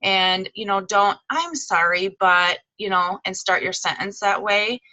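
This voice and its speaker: A woman's voice: medium pitch, level tone, moderate pace, bright, forceful tone, dry recording, lo-fi sound. A woman giving a chatty, casual recap on a video call, with plenty of "um" and "like" fillers. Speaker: guest speaker. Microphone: video call microphone.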